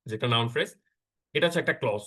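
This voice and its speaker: A man's voice: mid-range voice, fast talker, bright, forceful tone. Bangladeshi man teaching grammar online. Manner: checks in with the class after nearly every point; mixes English words and phrases into his talk. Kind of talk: online class lecture.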